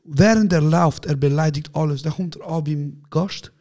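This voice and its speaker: A man with a Swiss German accent chats on a podcast in slangy street talk. He tells funny stories and acts out the people in them. His voice sits a bit high with a mellow, dark tone. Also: moderate pace. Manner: slangy storytelling, acts out quotes, laughs a lot. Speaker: podcast co-host. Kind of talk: casual chat.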